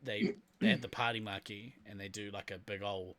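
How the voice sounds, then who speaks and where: Bright, laid-back New Zealand man. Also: lowish voice, fairly quick. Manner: easygoing, rambling, laughs often. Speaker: podcast co-host. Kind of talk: casual chat.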